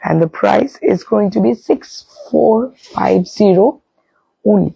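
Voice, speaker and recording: A woman with an Indian Bengali accent hosting a live sari showcase, her voice hoarse and strained from a bad sore throat, often breaking toward a breathy whisper. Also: medium pitch, lively intonation, slow, warm tone, no echo, rough recording. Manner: repetitive, with frequent "okay" check-ins. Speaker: live sari sales host. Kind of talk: live shopping presentation, casual product showcase.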